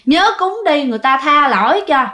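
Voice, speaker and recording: A woman's voice: sits high, animated, moderate pace, pushed and bright, pitched above the performer's own voice. A woman voicing a menacing tree demon speaking through an old village woman, demanding and scornful.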